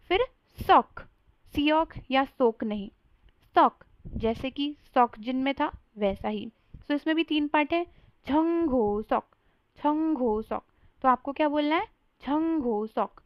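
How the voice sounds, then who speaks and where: A woman teaching pronunciation in a casual explainer lesson, repeating each syllable slowly for the viewer to copy. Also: sits high, animated, dry recording, dull audio.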